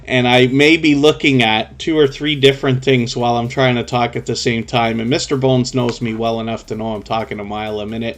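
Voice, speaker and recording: A male live streamer hosts casually and chats with viewers, often explaining things in long, run-on stretches. His voice is mid-range, at a medium pitch.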